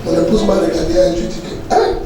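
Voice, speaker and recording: Male preacher, short phrases with pauses, distant mic, echoey hall, loud music behind. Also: fairly high pitch, fairly even intonation. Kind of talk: sermon with live interpretation.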